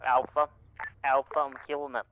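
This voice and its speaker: Flat-voiced man calling over a walkie-talkie. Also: medium pitch, moderate pace, muffled recording, slight background noise. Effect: heard over an in-game walkie-talkie radio. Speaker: player on the radio net. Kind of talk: clipped military radio procedure.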